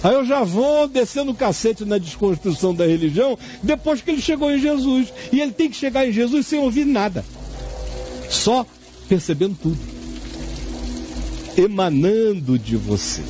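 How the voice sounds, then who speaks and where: A man's voice: high voice, lively intonation, moderate pace, warm tone, soft background music. A man, a pastor answering a viewer's question in an emphatic, preaching way, acting out little dialogues as he goes. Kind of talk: spoken sermon-like answer.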